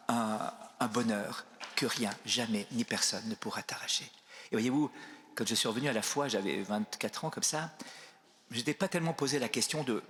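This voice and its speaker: A man delivers a spiritual talk as a priest, telling stories and posing rhetorical questions, often restarting a phrase. His voice is of middling pitch. The large basilica adds a long trailing reverb. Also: a bit bright.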